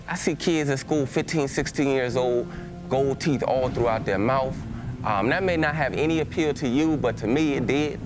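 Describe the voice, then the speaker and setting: A man from Texas, a pastor with a Southern accent and a medium-pitched voice, tells his church about his own life in a chatty testimony marked by frequent restarts and filler words.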